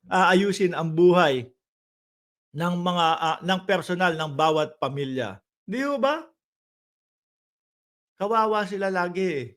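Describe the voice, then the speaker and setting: A man from the Philippines runs a casual political commentary vlog in a notably high voice. He talks straight to his viewers with polite particles and rhetorical tag questions. His delivery rambles and restarts, then jumps into loud emphatic bursts.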